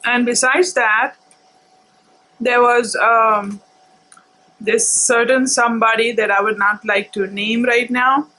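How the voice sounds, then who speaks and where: A woman with a high, bright voice shares a personal story as a casual vlog. She speaks in a halting, reflective way and takes her time between phrases. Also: fairly even intonation, rough recording. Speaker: food vlogger telling personal story.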